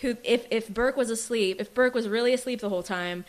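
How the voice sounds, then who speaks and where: A woman's voice: fairly high pitch, fairly quick. A woman co-hosting a true crime podcast, laying out a case in an emphatic, argumentative way. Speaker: podcast co-host.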